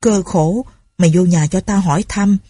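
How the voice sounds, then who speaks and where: A woman voicing a stern, suspicious older male village chief who talks in gruff threats. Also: lowish voice, normal speed, dark tone, dry recording, clean studio sound.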